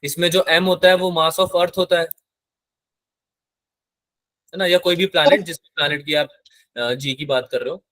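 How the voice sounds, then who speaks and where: A male physics teacher lectures, switching between Hindi and terms. His voice sits a little high, and the sound is dry and close. He keeps stopping to quiz his class. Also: fairly even intonation, normal speed, pauses often, fairly bright tone, no echo. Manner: asks the class frequent check questions; mixes English terms into Hindi.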